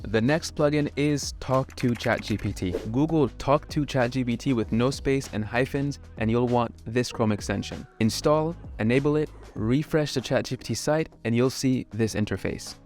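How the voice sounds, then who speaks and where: A man of middle pitch hosts a tutorial video, reading a scripted walkthrough. He explains each step clearly and in order. Soft music plays faintly underneath. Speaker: video host.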